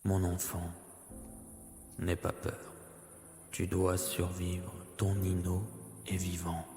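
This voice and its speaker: A man playing the gentle old firefly guardian. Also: monotone, big-room sound, soft background music. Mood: tender. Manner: slow, soft, deep and tender.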